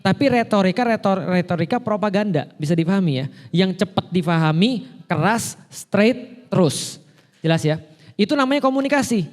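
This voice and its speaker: A man's voice: sits high, lively intonation, moderate pace, big-room sound. A man preaching to a congregation in a casual, conversational way, asking and answering his own questions. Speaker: Islamic preacher. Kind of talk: casual religious talk to a congregation.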